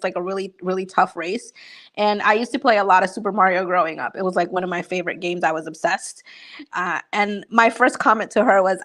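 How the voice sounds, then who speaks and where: A woman's voice: medium pitch, fairly bright tone. Chatty young woman from Honduras. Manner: chatty, upbeat, lots of fillers. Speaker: YouTuber answering viewers. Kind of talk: casual livestream chat.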